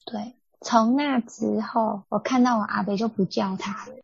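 Gravelly, husky young woman, indignant storyteller. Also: on the high side, moderate pace, dry recording. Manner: animated, indignant retelling. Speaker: podcast co-host. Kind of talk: casual storytelling chat. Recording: dull lo-fi dry sound.

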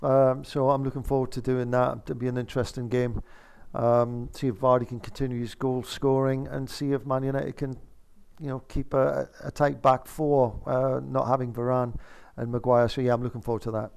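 A man's voice: medium pitch, little pitch movement, normal speed, gravelly, darkish tone, clean tone. A man giving conversational football analysis as a pundit, hesitating and repeating words as he thinks.

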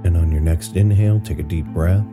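A man narrating a guided relaxation in a slow, soothing sleep-story manner. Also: deep voice. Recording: loud new-age guitar music bed. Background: new-age guitar music.

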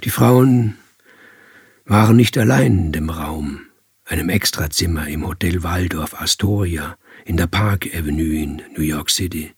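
A man telling a literary story in a slow, deliberate, expressive reading. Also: low-pitched, slightly rough, dry recording, clean studio sound. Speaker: author and storyteller.

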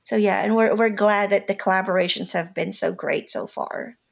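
Woman with a gravelly voice. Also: medium pitch, fairly even intonation, moderate pace. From Philippines. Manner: chatty, with frequent "like" fillers. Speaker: Filipino caterer and pop-up owner. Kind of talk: casual interview answers.

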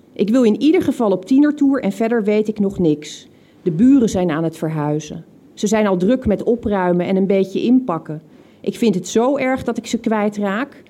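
Mellow-voiced woman reading her old diary. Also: mid-range voice. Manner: reflective reading with occasional amused laughs at her old entries. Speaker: reader of her own teenage diary. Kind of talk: reading diary entries aloud.

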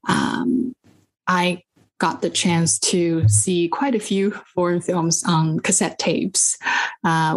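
A woman from China, a podcast guest answering interview questions in a measured way, pausing often to find her words. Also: on the low side. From Beijing, China.

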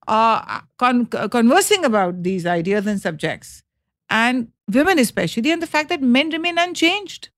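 A woman's voice: a little high, fairly bright tone, no room sound, studio quality. A middle-aged woman, co-hosting a casual chat about films and acting out quotes and sounds. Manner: chatty, acts out quotes and sounds. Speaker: co-host.

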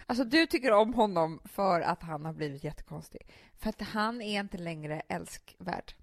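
A woman's voice: lowish voice, no room sound, clean studio sound. A woman in her thirties, co-hosting a casual chat with her sister and telling stories with lots of laughter. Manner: laughs often, animated storytelling. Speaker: podcast co-host.

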